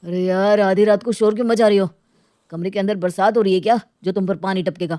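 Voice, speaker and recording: A woman's voice: medium pitch, steady tone, fast, mellow, dry recording, clean studio sound, natural voice. A woman voicing a grumbling young husband. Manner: exasperated, grumbling. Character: flustered young husband woken at night.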